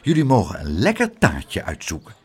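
A man voicing a fussy, doting aunt with a high, fluttery voice in a storybook reading. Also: huge pitch swings, normal speed, husky, exaggerated voice. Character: fussy doting aunt, older woman, easily alarmed.

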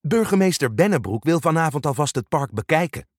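A man reading a storybook and voicing Bob, a calm, friendly builder who explains things plainly. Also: fairly high pitch, fairly quick, no echo, studio quality, voice pushed up. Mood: instructive. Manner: calm, instructive speech.

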